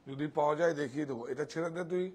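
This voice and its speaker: A man's voice: a little high, rapid-fire, breathy edge. A man selling saris on a live stream, chatting with viewers and directing helpers off to the side. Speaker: sari seller on a live sale.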